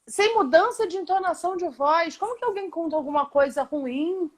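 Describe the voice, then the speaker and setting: A woman's voice: extremely high pitch, animated, moderate pace. A woman with a Brazilian Portuguese accent, a Gestalt therapist who explains at length and with emphasis in a live online discussion over a video call.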